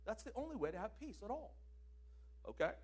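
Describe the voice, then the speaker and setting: A man preaching a sermon, emphatic, swinging between loud declarations and quieter asides. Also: high-pitched, sing-song, brisk, breathy edge, soft background music.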